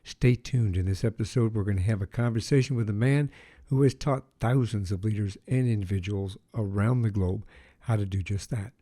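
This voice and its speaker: A man hosts a podcast in a soft, mellow voice. He opens with a tidy scripted introduction before settling into a measured, conversational interview, often pausing on fillers as he gathers his thoughts. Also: fairly low pitch. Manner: measured, hesitant with fillers when chatting. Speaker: podcast host.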